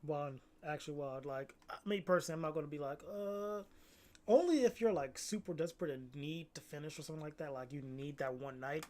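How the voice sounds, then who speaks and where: Young man, easygoing slangy chat, voice sits a bit high. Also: fairly quick, a little mellow. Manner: laid-back slangy, says "bro" often. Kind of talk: casual chat.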